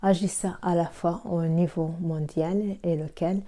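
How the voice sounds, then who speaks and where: A woman from Rwanda delivers a prepared presentation in a very dark, mellow voice pitched a little low. She reads steadily, with hesitant fillers here and there. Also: fairly even intonation, unhurried. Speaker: pharmacy assistant and network marketer.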